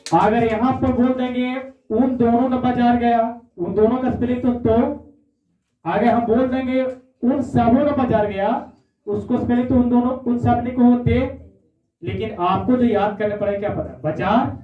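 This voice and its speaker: A man's voice: very high-pitched, steady tone, moderate pace. A man teaching a class, who repeats himself and keeps checking in with "है ना?". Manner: repetitive, checks in with "है ना?". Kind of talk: classroom lesson. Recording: echoey, far-off, phone-like audio.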